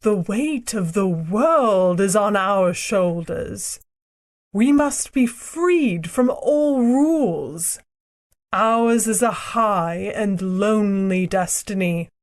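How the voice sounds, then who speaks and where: A woman voicing a proud, cruel ancient queen and sorceress in an audiobook, speaking in a slow, imperious, theatrical way. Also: mid-range voice, lively intonation. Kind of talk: audiobook character reading.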